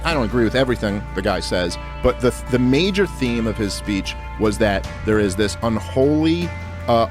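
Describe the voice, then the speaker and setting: Male commentator, fairly low voice, conversational and informal, music bed behind. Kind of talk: casual political commentary. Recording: music laid under conversation.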